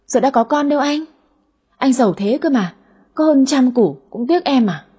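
A woman voicing a greedy, sulky daughter in her thirties with a high, whiny voice in an audio story. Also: animated, normal speed, warm tone, slightly rough, dull audio, full character voice. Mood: coaxing. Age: 30s. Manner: whiny, cheeky.

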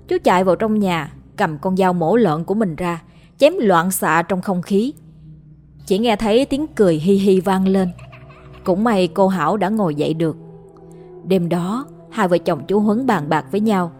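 A woman reading a ghost story aloud as a storyteller in steady scripted narration. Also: medium pitch. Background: faint music.

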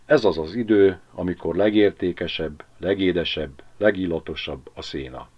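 A man reading an audiobook aloud in a calm, measured narration that lifts for dialogue. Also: low voice. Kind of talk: scripted narration. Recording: dull amateur audiobook recording.

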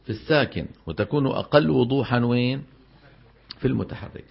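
A man teaching a classroom lesson on Quran recitation. He explains, quizzes his students and drawls example words slowly. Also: medium pitch, gravelly, husky, dull audio.

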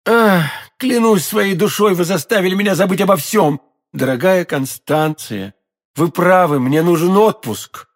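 A man's voice: high-pitched, unhurried, voice pushed up. Fervent young swordsman in love, voiced by a man reading a novel, declamatory and lofty. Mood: ardent. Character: ardent, proud young nobleman in love. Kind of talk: audiobook character voicing.

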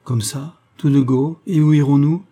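A man reading aloud, voicing a mocking, lively young woman with a teasing, sharp tongue. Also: fairly high pitch, moderate pace, voice pushed up, lightly acted.

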